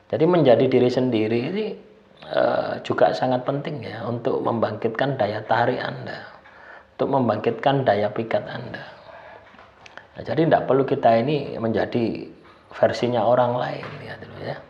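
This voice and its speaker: A man's voice: mid-range voice, moderate pace, creaky. Man dropping "ya" in a roomy room. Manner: keeps adding tag "ya" after phrases. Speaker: spiritual self-help speaker. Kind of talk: casual numbered-list talk. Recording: roomy, slightly dull sound.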